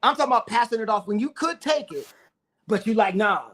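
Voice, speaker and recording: Animated high-voiced man talking sports. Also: quick pace. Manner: animated storyteller, acts out friends' lines. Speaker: sports show co-host. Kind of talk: casual sports talk.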